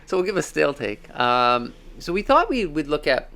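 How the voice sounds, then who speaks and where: A man's voice: fairly high pitch, very animated, normal speed, sharp tone. Chatty male podcast host. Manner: rambling, chatty, with frequent fillers. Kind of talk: casual chat.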